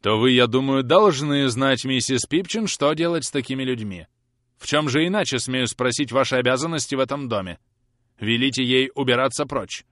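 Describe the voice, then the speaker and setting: A man reading an audiobook aloud, voicing a stern, pompous wealthy gentleman who speaks in a cold, commanding tone. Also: medium pitch, lively intonation, moderate pace, no room sound, clean studio sound, voice pushed up, natural voice. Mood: indignant. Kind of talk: audiobook character voice.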